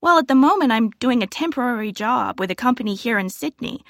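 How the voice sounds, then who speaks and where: An actress playing a young woman in her twenties who is signing up for a club, speaking clearly in a scripted listening dialogue. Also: fairly high pitch, lively intonation, quick pace, fairly bright tone, no echo, clean studio sound. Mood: friendly. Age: 20s. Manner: clear, careful, spells out words. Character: young woman applicant, friendly and polite. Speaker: applicant joining a social club. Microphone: close studio mic.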